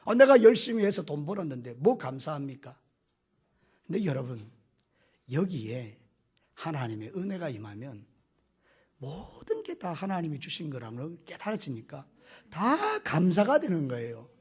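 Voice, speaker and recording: A man with a high, husky voice preaches a Sunday morning sermon. His pitch swings widely as he turns to the congregation with questions and answers them himself. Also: very animated, normal speed, pauses often, darkish tone. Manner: addresses the congregation directly with questions; acts out quoted voices. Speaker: pastor. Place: church sanctuary.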